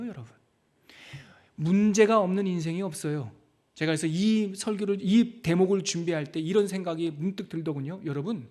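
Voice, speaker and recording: A middle-aged man preaching a sermon as pastor, swinging from loud emphatic lines to hushed asides and leading the congregation in reading scripture aloud. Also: high voice.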